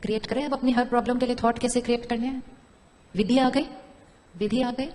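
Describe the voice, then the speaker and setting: Woman, spiritual speaker, live audience talk, repeats phrases, slightly high voice, long hall reverb. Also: steady tone, fairly quick, a little mellow. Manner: mixes in English phrases.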